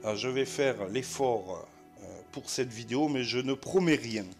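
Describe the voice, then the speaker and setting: Over faint background music, a man with a southwest French accent narrates a solo board game at a moderate pace in a medium pitch. He's chatty, uses lots of fillers, and talks to viewers like friends.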